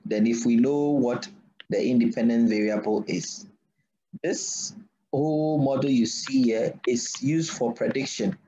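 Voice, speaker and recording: A man lecturing a class at a deliberate pace, often pausing to ask "what?" so students can fill in the word. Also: medium pitch, mellow. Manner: asks students to finish his sentences with "what?"; slow deliberate delivery. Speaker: university lecturer. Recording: dull lo-fi recording.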